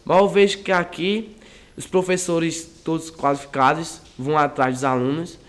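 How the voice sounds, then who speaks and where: Teenage high school student, hesitant. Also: male voice, fairly even intonation, normal speed. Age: teens. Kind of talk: interview answers.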